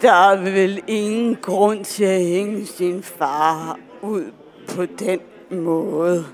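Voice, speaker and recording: This radio drama actor portrays a bar stranger acquainted with the listener's father, pressing him with persuasive, probing questions. The high-pitched voice holds a steady tone close to everyday speech, with soft music in the background.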